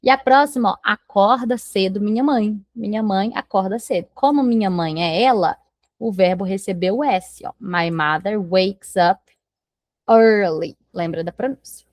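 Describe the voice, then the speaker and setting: Slow, clear teacher. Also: female voice, mid-range voice, darkish tone, no room sound, clean studio sound. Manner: slow, drawn-out model pronunciations; explaining in Portuguese, modeling English phrases. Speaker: English teacher. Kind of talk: language lesson.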